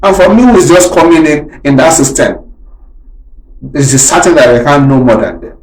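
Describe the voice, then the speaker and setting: A man's voice: a little high, lively intonation, normal speed, reverberant, distant mic, low-quality recording. A man with a Nigerian English accent, a local government chairman speaking earnestly in a radio interview, often restarting his sentences. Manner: earnest, hesitant, with frequent restarts.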